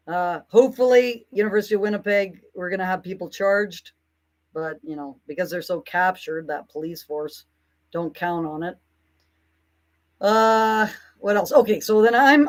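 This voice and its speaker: A woman talking casually to her audience in an indignant, rambling monologue, often breaking into mocking asides. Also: mid-range voice. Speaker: commentator.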